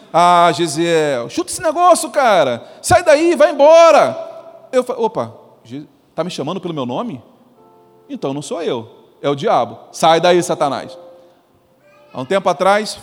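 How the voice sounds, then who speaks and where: A man preaching an animated sermon as pastor, acting out voices as he goes. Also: high voice. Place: church sanctuary. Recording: long church reverb.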